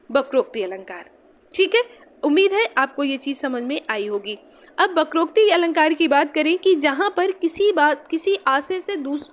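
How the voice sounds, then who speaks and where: A woman's voice: sits high, a bit bright. A young woman teaching a Hindi exam-prep lesson, patiently repeating key points and examples.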